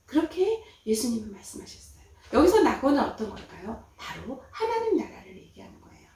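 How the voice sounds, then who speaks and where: Lively, high-voiced woman Sunday school preacher. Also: a little fast. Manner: animated, acts out quotes with dramatic emphasis. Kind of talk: children's sermon storytelling. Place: church. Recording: echoey room from far off.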